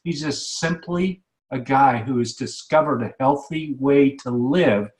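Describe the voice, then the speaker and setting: A man's voice: mid-range voice, a little slow, a little mellow, roomy sound. A man hosting a radio interview show, chatting casually with lots of fillers and repeated words. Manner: conversational, with many fillers and repeats.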